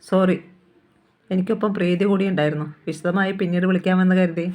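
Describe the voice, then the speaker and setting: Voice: medium pitch, fairly even intonation, fairly quick, a little mellow, natural voice. Audiobook figure: shy, heartbroken young man, hesitant replies; read by the narrator in a near-natural voice. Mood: sheepish.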